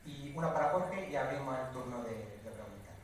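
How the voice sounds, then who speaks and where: A man's voice: mid-range voice, lively intonation, a little fast. A man moderating a panel asks the guests questions hesitantly, hedging with fillers as he goes. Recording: echoey hall, distant mic, faint noise.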